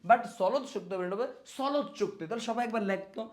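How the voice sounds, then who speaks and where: An energetic male teacher with a Bangladeshi Bengali accent, talking quickly and in a high voice. He drills spellings by repeating them and keeps asking questions that he answers himself. He is recorded on a close mic. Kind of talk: spelling lesson for exam students.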